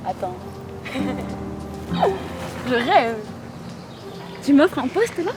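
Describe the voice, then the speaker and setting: A woman's voice: high voice, very animated, drawn-out words, music in the background, exaggerated voice. An actress in her twenties playing a brash, ambitious recruiter in a web drama, boastful and insistent in casual slang. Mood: incredulous. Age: 20s. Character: brash, ambitious, self-assured young female recruiter. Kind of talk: naturalistic screen drama dialogue. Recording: clearly noisy location recording.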